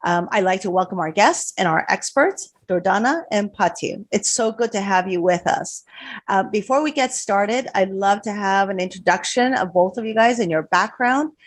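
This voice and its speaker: Woman, podcast co-host, friendly, mid-pitched voice, introduces guests. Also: normal speed. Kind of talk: casual podcast interview.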